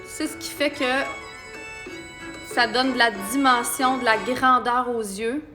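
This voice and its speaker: A woman's voice: fairly high pitch, fairly even intonation, slow, over music. A woman with a Québécois accent giving a chatty live makeup tutorial and talking viewers through each step. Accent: Québécois French. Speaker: makeup artist.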